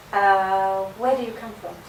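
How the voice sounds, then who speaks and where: A woman interviewing a guest, asking short questions in a hesitant, halting way. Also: medium pitch. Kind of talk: conversational interview. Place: indoor art venue. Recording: roomy, distant mic, faint noise.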